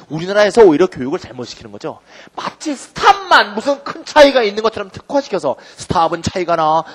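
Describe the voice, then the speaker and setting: A man teaching grammar as a lecture, animated and firing questions at the class. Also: high voice, big-room sound. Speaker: English teacher.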